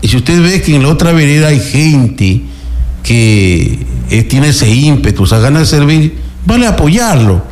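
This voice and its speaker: A man's voice: fairly high pitch, very animated, measured pace, a little mellow. A man, hosting a radio interview, who puts questions and adds emphatic comments. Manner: frequent short affirmations, emphatic commentary. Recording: echoey room with faint noise.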